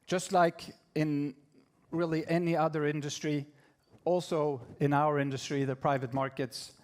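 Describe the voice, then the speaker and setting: A man with a slightly high speaking voice delivers a prepared business presentation at an investor event. He speaks in a measured, steady way, now and then pausing on fillers or restarting a phrase. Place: conference room.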